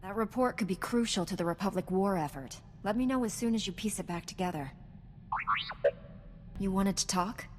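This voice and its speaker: An actress voices a loyal, caring young female Jedi knight in scripted video game dialogue, sounding earnest, inquiring and reassuring. Her mid-range, slightly mellow voice is close to an everyday tone at normal speed. Soft background music plays, and the recording has long reverb with clear background noise.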